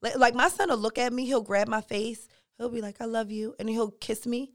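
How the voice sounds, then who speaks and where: A woman, talking in a casual, opinionated chat, animated and emphatic with plenty of swearing. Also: on the high side, normal speed, no room sound, studio quality.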